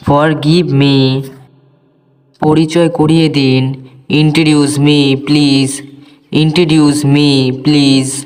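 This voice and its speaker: Slow, smooth male teacher. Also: a little high, rough recording. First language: Bengali. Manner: says each English sentence twice, slow and deliberate. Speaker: English teacher. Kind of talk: slow, repeated drill phrases.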